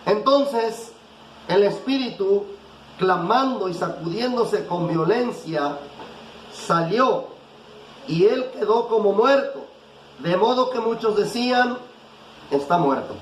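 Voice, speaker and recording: Guy preaching a sermon, high voice, slow careful bible reading, echoey room. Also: expressive. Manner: reads scripture slowly and deliberately, then preaches with rising intensity. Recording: echoey room with faint background noise.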